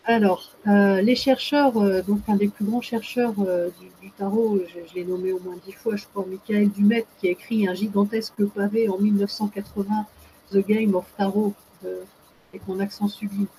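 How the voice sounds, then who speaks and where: A woman with a mellow, relaxed voice explains at length as a guest expert. She hesitates a lot, filling gaps and restarting her sentences. A faint noise sits under the recording. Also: mid-range voice, normal speed, rough recording. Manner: hesitant, many fillers and restarts. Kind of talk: casual explanatory talk.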